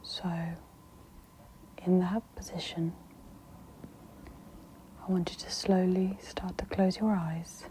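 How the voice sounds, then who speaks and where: A woman leads a guided ASMR meditation in a soft, breathy whisper that is low, flat, dark and mellow, speaking very slowly and soothingly with gentle instruction. The close recording is of poor quality, with faint background noise.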